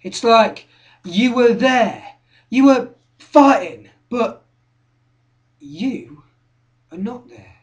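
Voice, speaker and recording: In a theatrical direct-address monologue, an actor plays an obsessive, confrontational young male skinhead reliving his violent past, haunted and confiding, repetitive, and swinging from hushed tones to shouting. His full character voice is extremely high, expressive and extremely slow with frequent pauses. The recording is muffled, with roomy echo and a distant microphone.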